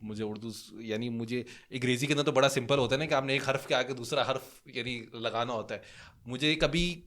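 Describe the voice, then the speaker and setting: A man's voice: medium pitch, a bit bright. A young man from Pakistan on a podcast, chatting casually and rambling through a story with many fillers. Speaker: podcast co-host.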